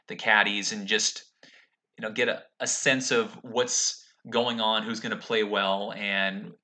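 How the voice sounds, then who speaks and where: A man hosting an unscripted talk about golf, with halting, reflective phrasing. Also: fairly low pitch, pushed and bright. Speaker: host of a golf commentary show.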